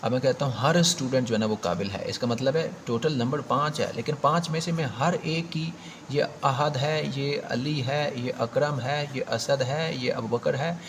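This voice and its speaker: A man's voice: medium pitch, moderate pace, fairly bright tone, slight background noise. A man with a Pakistani accent teaching an exam prep grammar lesson, explaining step by step and repeating key points with emphasis.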